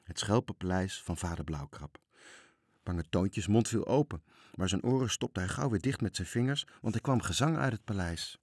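A man reading a children's story aloud in a calm, even storytelling manner. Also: lowish voice, moderate pace, no room sound, studio quality.

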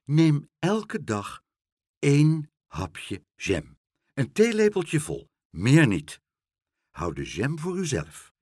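A man voicing a kind, solemn gentleman in a storybook reading. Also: on the high side, huge pitch swings, husky, no echo, studio quality, heavily acted. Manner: solemn, measured.

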